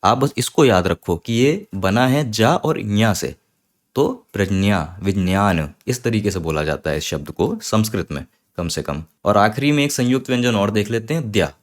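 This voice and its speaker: A man teaching Sanskrit letters in an online lesson, patiently repeating each word slowly to show the right pronunciation. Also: lowish voice, expressive.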